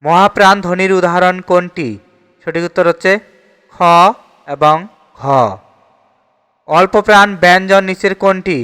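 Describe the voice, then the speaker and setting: A man's voice: high voice, steady tone, measured pace, pauses often, pushed and bright, smooth, big-room sound. A man with a Bangladeshi Bengali accent teaching an exam-prep grammar lesson, steadily reading each question and repeating the answer.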